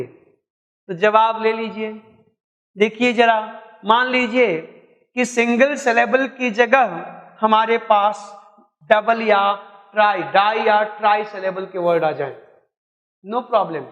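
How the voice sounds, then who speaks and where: A man's voice: high-pitched, fairly bright tone, long reverb tail. A man teaching an English grammar lesson, spelling words out letter by letter and asking and answering his own questions.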